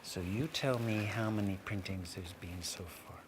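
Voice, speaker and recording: Low-voiced man hosting in a noisy room. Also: normal speed. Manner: formal, wordy, articulate phrasing. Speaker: event host. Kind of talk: explaining and quizzing children at a live event.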